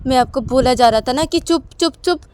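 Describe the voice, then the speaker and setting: A woman's voice: medium pitch, measured pace, creaky, noisy background. A woman voicing a scared young man in a home-made storybook tale, whiny and panicky. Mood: panicked.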